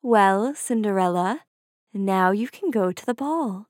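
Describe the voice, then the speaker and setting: A woman reading a storybook voices the fairy godmother as a kindly older woman who speaks gently and coaxingly, slowing down on her words. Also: mid-range voice, lively intonation, no echo, studio quality, natural voice. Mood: gentle.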